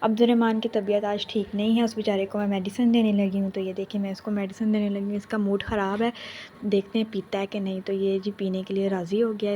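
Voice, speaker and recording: A woman's voice: fairly high pitch, darkish tone, slight background noise. A young woman narrating her day as a vlogger mother, in a chatty way that speaks straight to her viewers. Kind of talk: casual vlog narration.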